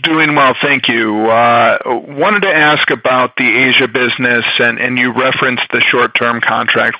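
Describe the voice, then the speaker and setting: A man's voice: medium pitch, dry recording. A male financial analyst asking polite, searching questions with many fillers on an earnings call. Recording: muffled dry phone audio.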